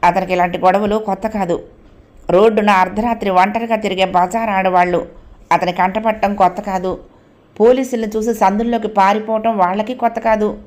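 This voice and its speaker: A woman's voice: medium pitch, steady tone, a little fast, darkish tone. Woman narrating an audio novel.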